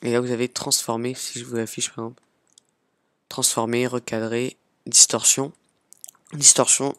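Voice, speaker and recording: A man casually hosting a software tutorial, chatting along as he clicks and filling pauses with little "hop" and "voilà" sounds. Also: mid-range voice, no room sound. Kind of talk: casual screen-recorded tutorial.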